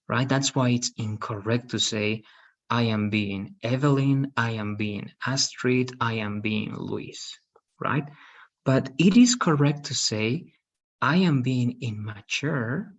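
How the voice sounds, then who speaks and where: Male teacher in his thirties, slow and husky, muffled webcam sound. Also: mid-range voice. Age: 30s. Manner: slow, patient, tags sentences with "right?". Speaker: English teacher. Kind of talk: online class explanation. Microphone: video call webcam. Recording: dull lo-fi video call audio.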